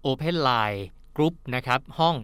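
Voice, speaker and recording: A man's voice: mid-range voice, expressive, slow pace, a bit bright, smooth, no room sound. A man hosting a radio health show, politely reading out listener questions and chatting with the guest. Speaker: radio host.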